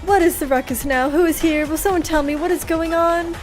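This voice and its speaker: A woman's voice: extremely high pitch, fairly quick, faint music behind, voice pushed up. A woman voicing a boastful, theatrical man in a game, with a pompous manner and a shifting put-on accent while reading the dialogue aloud. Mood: indignant. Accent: wavering put-on accent. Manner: pompous, dramatic storytelling. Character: boastful theatrical male pirate-like captain.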